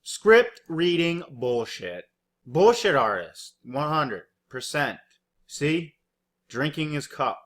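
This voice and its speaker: Sing-song and a bit bright, this man's fairly high voice moves at a slow pace as he delivers profane, sarcastic reaction commentary over news clips. He rambles and mocks, cursing often and using plenty of fillers.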